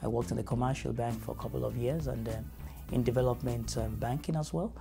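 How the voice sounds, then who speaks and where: Gravelly Nigerian man, earnest. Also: mid-range voice, fairly even intonation, over music. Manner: measured, earnest, thoughtful with fillers. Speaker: family educator. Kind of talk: interview answers. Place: studio with dark backdrop.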